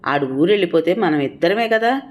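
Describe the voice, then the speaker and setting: A woman voicing a weary young village mother who speaks in sharp, reproachful scolding. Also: fairly low pitch, lively intonation, moderate pace, natural voice. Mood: indignant.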